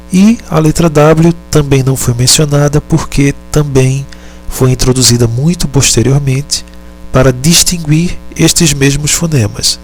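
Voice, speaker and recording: A man teaching a lesson, speaking deliberately, pausing often and correcting himself. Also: medium pitch, gravelly, darkish tone. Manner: deliberate, halting, repeats and self-corrects. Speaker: Latin teacher. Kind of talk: slow explanatory lesson.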